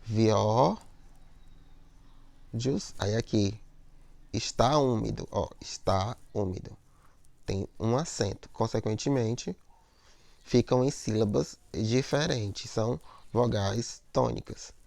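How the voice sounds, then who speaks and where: Gravelly male teacher, dry sound. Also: medium pitch, slow pace, darkish tone, no room sound. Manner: explanatory, repeats words, frequent "né?" and "ó". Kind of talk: recorded lesson on poetic meter.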